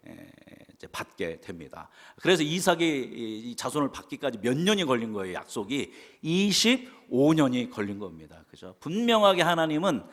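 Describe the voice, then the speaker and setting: A male pastor preaches with an animated, rising and falling voice, putting questions to his congregation and answering them himself. His voice rings out in a large church hall with long reverb. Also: medium pitch. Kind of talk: sermon. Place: church sanctuary.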